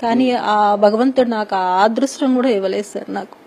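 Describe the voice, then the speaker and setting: A woman's voice: medium pitch, steady tone, normal speed, darkish tone, slight background noise, poor audio. A woman in her thirties giving a distressed, pleading news interview, repeatedly addressing the interviewer respectfully.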